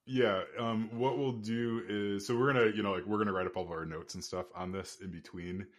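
A man talking casually as a game master, thinking out loud on a podcast. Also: fairly low pitch, fairly even intonation, fairly quick.

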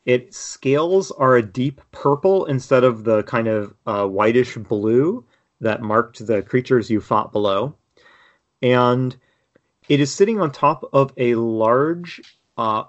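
A man's voice: mid-range voice, slow. Guy running a tabletop game, lots of likes and uhs, kinda dull lo-fi sound. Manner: loose, rambling description full of "like" and "uh". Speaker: game master.

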